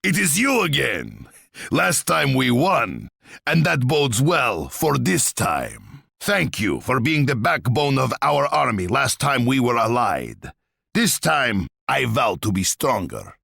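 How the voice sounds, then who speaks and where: An actor playing a boastful, bloodthirsty Russian tsar in a strategy game, with a pompous, menacing, theatrical delivery and a rough, gravelly voice. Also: male voice, mid-range voice, wildly swooping pitch, slow pace, pushed and bright, dry recording, studio quality, exaggerated voice.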